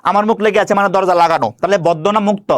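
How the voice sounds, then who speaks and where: A man teaching grammar, asking questions and answering them himself and slowly stretching out example words. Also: sits high. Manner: stretches words slowly when demonstrating pronunciation. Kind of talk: classroom-style grammar lesson.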